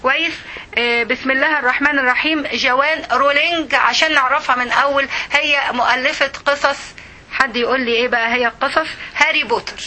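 A religious teacher with an Egyptian Arabic accent gives an impassioned lesson to a women's circle, full of rhetorical questions. Her voice is high-pitched and sharp, fast, with fairly even intonation.

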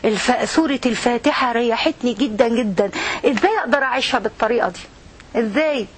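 A woman's voice: fairly high pitch, quick pace, breathy edge. A woman with an Egyptian Arabic accent giving a religious lesson to women, speaking earnestly and straight to her listeners. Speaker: religious teacher.

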